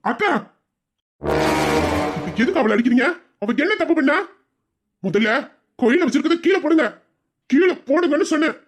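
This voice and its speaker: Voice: sits high, animated, moderate pace, pauses often. Voice actor as a fierce protective young uncle. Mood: angry, protective. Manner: scolding, then gently soothing. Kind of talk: family drama acting.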